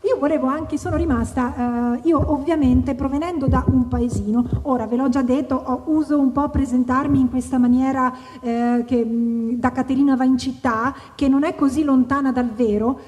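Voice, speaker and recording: Brief: high, chatty woman host, live onstage banter, long reverb, faint noise. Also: fairly even intonation, a little mellow. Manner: chatty, joking, quick to banter. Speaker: event host and interviewer. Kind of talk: casual live onstage conversation. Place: outdoor tent at an evening wine festival.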